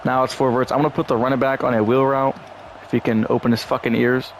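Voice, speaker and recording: A man's voice: medium pitch, flat delivery, quick pace, slight background noise. Young man cursing through gameplay commentary. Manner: frustrated, profane, swings into shouting. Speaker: gaming YouTuber.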